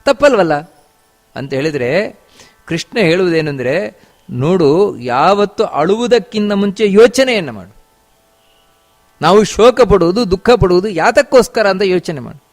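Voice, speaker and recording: Male scripture teacher, high voice, chanted verses, rhetorical questions. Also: expressive, moderate pace, long pauses, faint music behind. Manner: repeats key phrases, asks rhetorical questions. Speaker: religious teacher.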